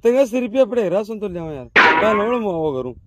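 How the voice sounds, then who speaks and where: A man's voice: high-pitched, lively intonation, brisk. A man in his thirties playing a boastful, wheedling village drunkard with a rambling delivery and a Rajasthani accent in a comedy skit. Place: outdoors on village dirt lanes. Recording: noisy outdoor village location.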